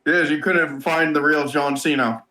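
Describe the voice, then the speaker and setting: A man casually recapping a wrestling match, halting with many fillers and swearing often. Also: fairly high pitch, fairly even intonation, sharp tone, poor audio. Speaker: wrestling reviewer. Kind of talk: casual podcast chat.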